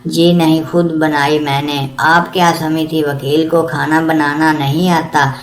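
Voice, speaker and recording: A woman reading the lines of a kind, caring young male lawyer in a storybook tale, in a gentle, reassuring way. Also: sits low, little pitch movement, natural voice.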